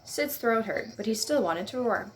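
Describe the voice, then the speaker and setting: A woman reading a children's picture book aloud at home, in a gentle, lively read-aloud voice. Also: a little high, moderate pace. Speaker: storyteller. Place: at home on a couch.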